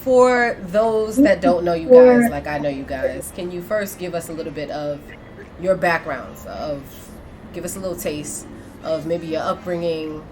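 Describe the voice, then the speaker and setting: A woman's voice: fairly low pitch, measured pace, crowd noise. A woman hosting a live stream talk show, prompting her guests with friendly questions. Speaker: host.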